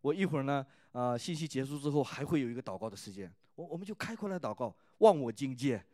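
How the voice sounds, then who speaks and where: A man's voice: mid-range voice, lively intonation, quick pace, a little mellow, dry recording, clean studio sound. A man preaching at a youth church service, who keeps asking the listeners "right?" and retells scripture in a conversational tone. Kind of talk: sermon.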